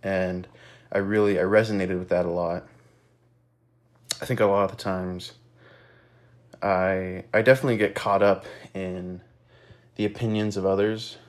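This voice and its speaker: A young man talks alone on his own podcast in a lowish voice, his nose stuffed up and his breath still a little short. He rambles in a reflective, loose way, full of fillers and the odd casual swear word. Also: flat delivery, unhurried, long pauses. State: slightly out of breath. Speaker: podcast host. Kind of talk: casual solo podcast monologue.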